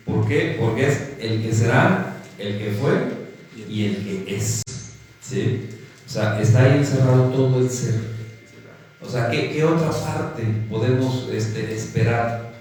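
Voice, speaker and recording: A man's voice: medium pitch, slow, a little mellow, a little hiss or hum. A man with a Mexican Spanish accent preaching a teaching sermon, who keeps checking in with his listeners by asking "¿sí?" and calls them "hermanitos". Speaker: pastor. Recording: echoey hall from a distant mic, faint ambience.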